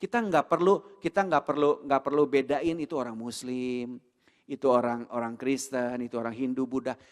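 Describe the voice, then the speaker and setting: A man with an Indonesian accent preaching a sermon in a church, animated and full of rhetorical questions, with English words mixed in. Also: mid-range voice, normal speed. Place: church hall. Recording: long hall reverb.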